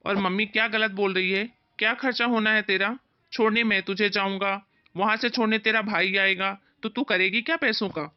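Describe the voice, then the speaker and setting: A woman's voice: mid-range voice, steady tone, normal speed, voice pushed down, lightly acted. A woman voicing a stubborn young husband who speaks curtly and scolds his wife, in an amateur family skit. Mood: irritated. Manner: curt and scolding. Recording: dull, muffled lo-fi recording.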